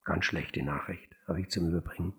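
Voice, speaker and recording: A man voicing a brooding young nobleman who brings dark news in a storybook retelling. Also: sits low, fairly quick, husky, pitched below the performer's own voice, heavily acted. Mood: grave.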